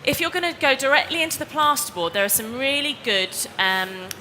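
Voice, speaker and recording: A woman's voice: sits high, animated, fairly quick, bright, forceful tone. A woman, presenting a live DIY demonstration and explaining each step in a chatty way. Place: exhibition hall stage. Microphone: headset or lapel mic. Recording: reverberant hall, faint background noise.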